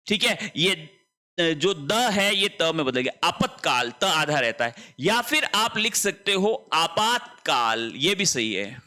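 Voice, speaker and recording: This Hindi teacher has a bright, forceful voice on the high side. He gives an emphatic spelling lesson, repeating words and asking rhetorical questions.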